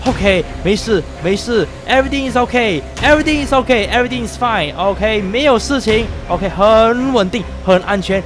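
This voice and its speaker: A man hosting a game video, narrating in an excitable, panicky way and throwing in English exclamations. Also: high voice, moderate pace, few pauses. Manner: jumpy, panicky exclamations, sprinkling in English outbursts. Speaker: gameplay host.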